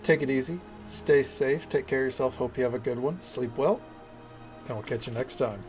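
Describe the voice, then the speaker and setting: A man's voice: medium pitch, normal speed, darkish tone, soft background music. A man giving casual, chatty gameplay commentary as a streamer, thinking aloud. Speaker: game streamer.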